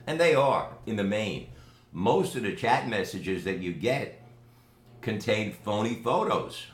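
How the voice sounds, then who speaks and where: He's an older New Yorker with a matching accent, speaking in a fairly low, expressive voice. Slow and deliberate, he boasts emphatically in a home video message delivered straight to camera, the room echoey and faintly noisy.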